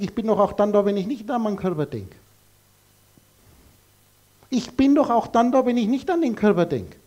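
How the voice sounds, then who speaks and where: A man's voice: high voice, warm tone. A man giving a live lecture to an audience in a blunt, emphatic way, full of rhetorical questions.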